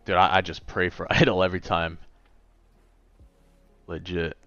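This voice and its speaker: A man's voice: sits low, level tone, moderate pace, fairly bright tone, dry recording, lo-fi sound. A man in his late twenties chatting casually on a gaming livestream, laid-back and a bit tired, rambling as he answers chat. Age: late 20s.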